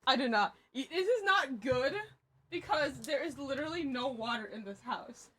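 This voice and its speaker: High-pitched, hyper young woman livestreamer. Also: animated, normal speed, pushed and bright, a little hiss or hum. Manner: hyper, giggly and scattered, repeating words. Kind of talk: casual livestream chat.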